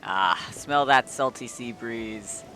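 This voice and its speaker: A man voicing a talkative old male ship merchant, gruff and rambling. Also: medium pitch, slow pace, pushed and bright, soft background music. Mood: curious. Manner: gruff and rambling, drops dialect words.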